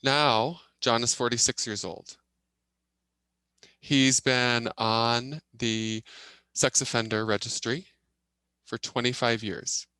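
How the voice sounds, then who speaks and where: Bright-voiced man giving simultaneous interpretation. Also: medium pitch, steady tone, clear, resonant tone, no echo. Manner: halting phrasing in short bursts. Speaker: sign language interpreter voicing a deaf presenter. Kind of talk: simultaneous interpretation of a signed presentation.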